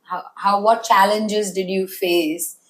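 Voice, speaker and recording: A woman's voice: mid-range voice, steady tone, slow pace. A woman interviewing a guest in a studio, reacting with short encouraging remarks. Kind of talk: casual interview.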